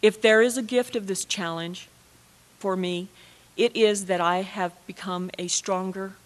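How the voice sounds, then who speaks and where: A mother performing a personal monologue on stage, with a measured, heartfelt delivery. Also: mid-range voice, steady tone. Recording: reverberant hall.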